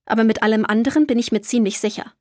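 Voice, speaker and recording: A woman voicing a kindly, jovial old grandfather in a children's audiobook, in a warm storytelling manner. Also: a little high, fairly even intonation, quick pace, no echo, clean studio sound, close to an everyday voice.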